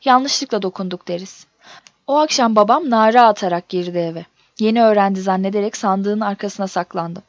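A woman reading a first-person story aloud in a steady, measured audiobook narration. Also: mid-range voice, no room sound. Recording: dull dry recording.

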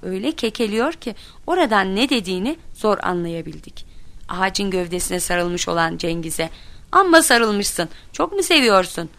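A woman reading a children's story aloud, told as letters between friends, with lively voices for the people in it. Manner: lively, voices quoted children and teachers with raised pitch. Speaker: narrator reading a children's book.

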